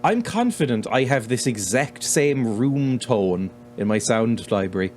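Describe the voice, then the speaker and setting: A man's voice: medium pitch, lively intonation, measured pace, darkish tone, slight background noise. A young man giving wry, sweary commentary while playing a game, reading its text aloud and laughing often. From Ireland. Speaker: let's-play host.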